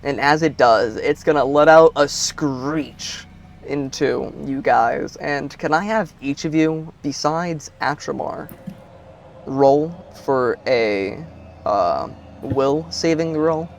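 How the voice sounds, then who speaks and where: A man narrates a tabletop game as its game master, taking his time and pausing on fillers. His voice sits a touch high for a man, and a faint noise hangs behind the recording. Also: creaky. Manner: unhurried descriptive narration with fillers.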